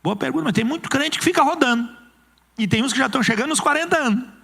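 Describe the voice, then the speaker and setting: A man's voice: extremely high pitch, lively intonation, very fast, gravelly, pushed and bright, husky. A male pastor with a Brazilian Portuguese accent preaching an emphatic sermon, acting out quoted voices. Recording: long church hall reverb.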